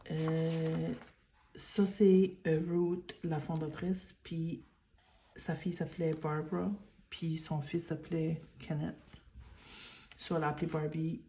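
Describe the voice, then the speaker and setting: A woman with a Quebec French accent, speaking in a hushed library-like murmur in soft-spoken ASMR style and mixing in English words. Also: deep voice, little pitch movement, slow pace, rough recording. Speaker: ASMR creator.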